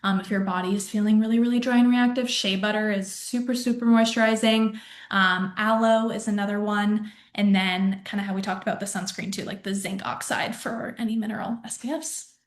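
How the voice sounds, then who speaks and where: A woman's voice: mid-range voice, steady tone, a little fast. A young adult woman from a skincare brand, giving casual skincare advice with lots of "um" and "you know". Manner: chatty, many fillers like um and you know. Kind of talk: casual informative talk. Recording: echoey room.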